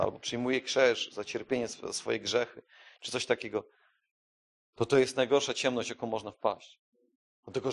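A man preaching a sermon who moves between quiet, conversational asides and loud, emphatic declarations, often putting questions to his listeners. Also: medium pitch.

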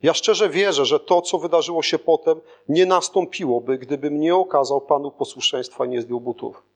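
A man reading a first-person spiritual testimony aloud as scripted narration, in an earnest, steady manner. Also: fairly high pitch, normal speed. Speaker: audiobook narrator.

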